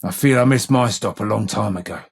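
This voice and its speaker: For a video game, a man with a lowish, husky and gravelly voice plays a worn-out elderly informer from the London underworld, delivering a heavily acted performance. His London-accented speech is rough with fry and rasp, and the mood is weary and remorseful. He talks in a measured, wry manner, heavy with street slang and past guilt.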